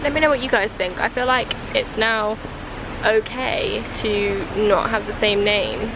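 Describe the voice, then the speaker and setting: A woman's voice: mid-range voice, unhurried. A British woman in her twenties chatting casually to a handheld camera as she vlogs outdoors at a resort. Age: 20s. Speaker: vlogger on honeymoon. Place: outdoors at a resort, by and in an open-air pool. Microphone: handheld camera at arm's length. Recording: noisy outdoor holiday camera audio.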